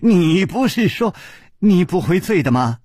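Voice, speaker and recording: 男人演的无奈苦笑的潇洒侠客. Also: male voice, sits high, big pitch swings, measured pace, darkish tone, breathy edge, no room sound, clean studio sound, voice pushed up, heavily acted. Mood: wry. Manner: wry, indulgent.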